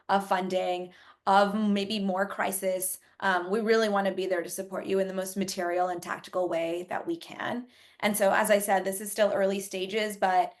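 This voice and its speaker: Soft-spoken woman organizer with many ums. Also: mid-range voice. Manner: warm, grateful, frequent ums. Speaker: summit organizer introducing keynote. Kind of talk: online event presentation.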